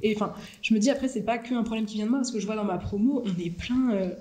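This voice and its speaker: A woman in her twenties from France, a student chatting casually as an interview guest over a video call, full of fillers and quick to laugh. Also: on the high side, darkish tone, reverberant. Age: 20s.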